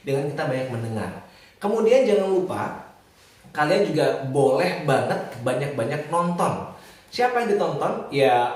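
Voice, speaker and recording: A young man, a wedding MC, chatting casually to camera while sharing public speaking tips, lively and repeating phrases for emphasis. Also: mid-range voice. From Bali, Indonesia. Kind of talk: casual vlog talk to camera. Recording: echoey room, voice a bit distant from mic.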